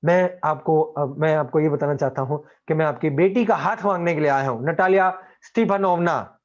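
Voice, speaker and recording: An Indian man teaching a play, explaining it in Hindi and English and acting out the characters' lines. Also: on the high side. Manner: reads lines aloud slowly and acts out characters with laughs. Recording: dull lo-fi sound.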